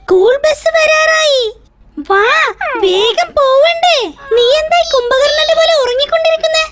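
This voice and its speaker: Shrill cartoon boy, bossy little kid, very high voice, noisy track. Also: measured pace. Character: cheerful little boy Chitti caring for doll.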